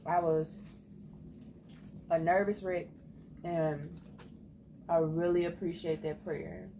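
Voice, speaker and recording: A woman co-hosting a seafood eating video, chatting casually and earnestly about her relationship, and at times breaking into loud exclamations. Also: lowish voice, level tone, slow pace, noisy background. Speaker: mukbang co-host. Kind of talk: casual chat while eating. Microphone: close mic for eating sounds.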